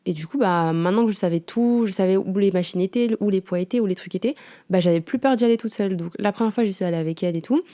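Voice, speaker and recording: A woman's voice: medium pitch, fast talker, mellow. A young woman, telling a story in a casual, slangy podcast chat with lots of fillers. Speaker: podcast host. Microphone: home podcast microphone.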